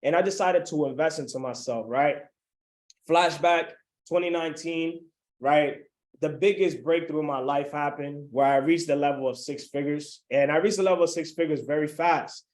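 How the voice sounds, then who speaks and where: Young guy from the dominican republic on a video call, hyped webinar pitch, kinda high voice, keeps checking in with everyone. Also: normal speed, a little mellow. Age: 20s. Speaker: webinar host.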